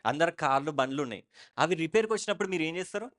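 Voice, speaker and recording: High-voiced Telangana preacher calling out. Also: male voice, expressive, very fast, fairly bright tone. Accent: Telangana Telugu. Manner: emphatic, repetitive, calls out to the congregation for responses. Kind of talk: church sermon. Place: church.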